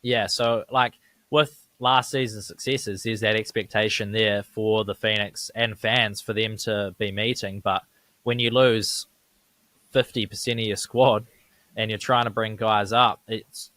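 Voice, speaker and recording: A man's voice: on the low side, fairly even intonation, normal speed, fairly bright tone, no echo. A man, co-hosting a casual sports podcast, talking conversationally and checking in with tag questions. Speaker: podcast co-host.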